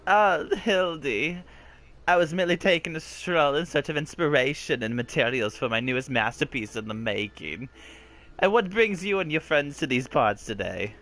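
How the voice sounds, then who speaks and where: A man voicing a pompous, self-assured gentleman father with artistic airs in a game. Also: fairly high pitch, lively intonation, normal speed, rough recording. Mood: self-satisfied. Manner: pompous, formal.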